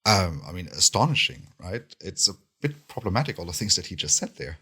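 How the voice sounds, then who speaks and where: Male podcast co-host, deep voice, hesitant casual delivery. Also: very animated, bright, forceful tone, slightly rough. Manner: halting, many fillers and restarts.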